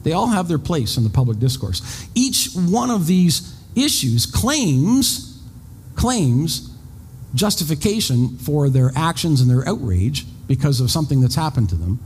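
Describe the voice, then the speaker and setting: His voice is fairly high for a man, sing-song and a little mellow with a breathy edge, and he keeps a measured pace. He's a pastor in his fifties delivering a sermon conversationally, often repeating words and adding self-deprecating asides. Long reverb and faint background noise are audible.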